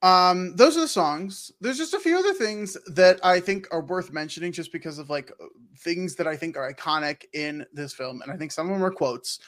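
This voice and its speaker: A man's voice: high voice, animated, moderate pace, a bit bright. A man co-hosting a podcast in casual chat, gushing enthusiastically. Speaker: podcast co-host.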